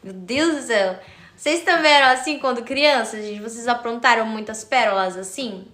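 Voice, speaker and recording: A woman's voice: fairly high pitch, moderate pace, pushed and bright, echoey room. A young adult woman chatting casually on a live stream, telling a childhood story and greeting viewers by name. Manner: chatty, addresses viewers, thanks commenters by name.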